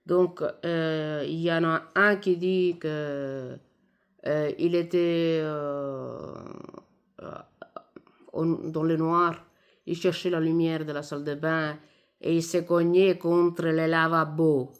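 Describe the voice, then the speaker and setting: Woman, foreign Italian accent in French, native Italian speaker, slow pace, halting, informal video commentary. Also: deep voice, level tone, smooth. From Italy. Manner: halting, searching for words. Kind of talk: informal spoken commentary to camera.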